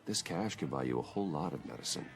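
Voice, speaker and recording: An actor playing a calm, guarded wealthy man in a video game, speaking in a low, measured and reserved way. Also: vocal fry, faint music behind, full character voice.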